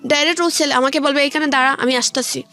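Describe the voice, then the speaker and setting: A young woman with a Bangladeshi accent talks fast during a radio interview, her high voice steady in tone, pushed and bright. She tells her life story colloquially, often quoting conversations verbatim, while background music plays in the studio.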